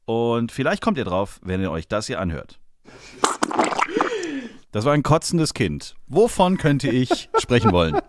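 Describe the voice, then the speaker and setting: A man's voice: mid-range voice, sing-song, very noisy. A man in his forties hosting a casual podcast chat over a call from his office, playful and teasing. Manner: playful, teasing, quick banter. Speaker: podcast host. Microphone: remote call.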